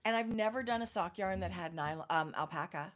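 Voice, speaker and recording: Woman, middle-aged, co-hosting a craft chat; low-set voice, unhurried, explains everything in detail. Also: a little hiss or hum. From Canada. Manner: detailed, explanatory, with frequent pauses and fillers. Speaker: knitting podcast co-host. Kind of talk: casual chat.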